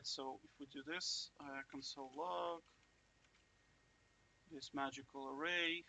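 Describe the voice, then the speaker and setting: A man's voice: fairly high pitch, gravelly, sharp tone. A man giving a casual, chatty coding walkthrough, thinking aloud and checking in with the viewer. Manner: chatty, self-interrupting, jokey asides; checks in with "right?" often. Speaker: coding tutor.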